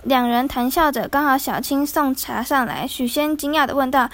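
High-voiced woman reading a folk tale. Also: fairly even intonation, moderate pace. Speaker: storyteller. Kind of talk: storybook narration.

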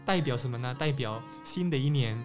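A man from Peru talks in a relaxed, casual panel chat in Mandarin. He hesitates and searches for words at a middle pitch, with clearly audible guitar music behind him. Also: fairly quick. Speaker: podcast panelist.

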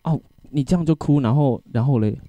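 A man's voice: mid-range voice, fairly quick, dry recording. A man, venting in casual podcast chat, swearing often and checking that his listener follows. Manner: animated venting, swears often, keeps asking if you get it. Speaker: podcast co-host.

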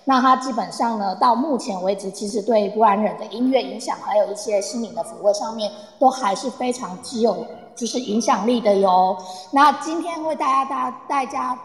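In a radio play, a woman voices a chatty, eager tour guide who explains things patiently and coaxingly. Her natural-sounding voice is a little high and fairly quick. The room sound is echoey and reverberant.

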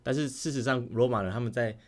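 A man's voice: mid-range voice, quick pace. A man with a Taiwanese Mandarin accent, a podcast guest chatting casually about his travels. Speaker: podcast guest, primary school teacher.

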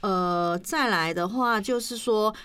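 A woman's voice: medium pitch, slow pace, a bit bright, clean tone. A woman with a Taiwanese accent in casual discussion, presenting health advice and asking questions.

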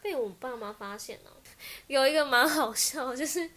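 A young woman with a Taiwanese Mandarin accent, telling childhood stories in a lively way and laughing often as podcast host. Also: sits high, normal speed. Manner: animated storyteller, laughs often. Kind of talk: casual chat.

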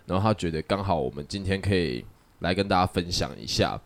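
Male podcast host, low voice, very animated delivery, quick to laugh. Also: vocal fry. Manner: animated storyteller, laughs often. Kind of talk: casual chat.

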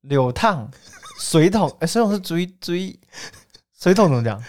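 A man's voice: fairly high pitch, big pitch swings, unhurried, a little mellow. A man with a Taiwanese Mandarin accent, co-hosting a casual comedy podcast and laughing often. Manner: playful, laughs often, trails off mid-word. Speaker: podcast co-host.

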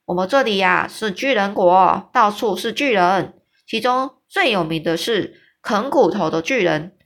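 A woman doing a booming, teasing male giant. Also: animated, fairly bright tone. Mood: boisterous. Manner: booming, boisterous, drawn-out exclamations.

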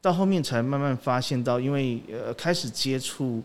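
A man, chatting as an interview guest, halting and often repeating short affirmations, dropping in English words. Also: mid-range voice. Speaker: sound director guest. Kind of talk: casual interview chat.

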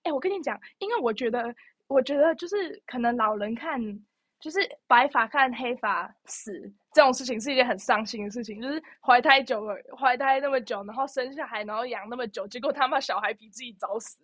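Young woman, podcast co-host; fast, chatty, animated storyteller, dry studio sound. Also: fairly high pitch, no room sound. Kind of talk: casual chat.

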